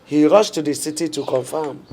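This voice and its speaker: A woman's voice: low-pitched, moderate pace, mellow, a little hiss or hum, lightly acted. An actress with a Nigerian accent playing a consoling yet reproachful middle-aged mother in a film drama.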